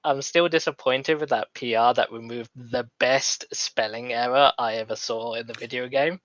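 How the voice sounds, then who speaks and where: A man in a casual voice chat, speaking in a lively, amused way. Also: medium pitch, moderate pace, no echo, muffled recording.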